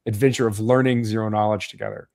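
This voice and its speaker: A man's voice: fairly low pitch, fairly even intonation, fast, a little mellow, no echo, clean studio sound. A man co-hosting a podcast, explaining ideas step by step and thinking aloud. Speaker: podcast co-host. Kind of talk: casual podcast discussion.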